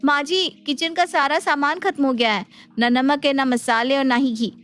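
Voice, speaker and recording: A woman's voice: sits high, fairly even intonation, moderate pace, a bit bright, soft background music. A woman voicing a headstrong young daughter-in-law who talks back in a cartoon. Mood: sassy.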